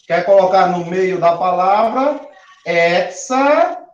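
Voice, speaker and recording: Slow high-voiced chemistry teacher. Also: male voice, animated. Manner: slow, spelling out syllables and counting aloud; asks the class questions. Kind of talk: classroom lecture. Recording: roomy, dull-sounding classroom recording.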